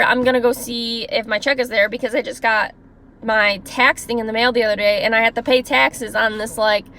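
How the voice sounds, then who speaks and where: Young woman, fairly high voice, passionate story-time vlogger, indignant and talkative. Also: gravelly, pushed and bright. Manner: acts out her boss and others in quoted voices.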